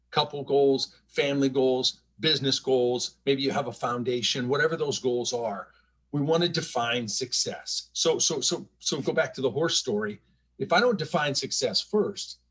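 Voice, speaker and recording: A husky middle-aged man leads a financial planning webinar in a relaxed, conversational way. He speaks at an ordinary middle pitch and often restarts, repeating small words before carrying on.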